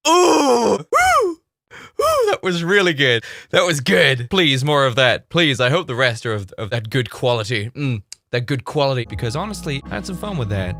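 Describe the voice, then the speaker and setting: A man talking casually to camera as a YouTuber, dramatic and theatrical, jumping between hushed asides and loud outbursts, recorded close on the mic. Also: medium pitch. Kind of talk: casual video commentary.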